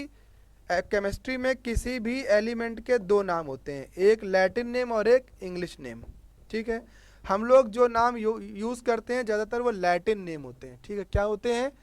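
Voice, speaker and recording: A man's voice: sits high, smooth, no echo. A male chemistry teacher with a Hindi accent teaches a class, asking questions and answering them himself. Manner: repeats key words as questions to the class. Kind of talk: board lesson for students.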